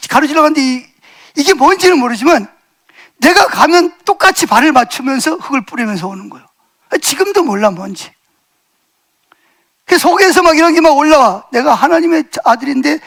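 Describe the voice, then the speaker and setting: A middle-aged male pastor preaching a sermon in a church, telling a personal story with vivid re-enactment, shifting between loud exclaims and hushed asides. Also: very high-pitched. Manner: animated storytelling, shouting re-enacted lines, swings loud to hushed. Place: church sanctuary.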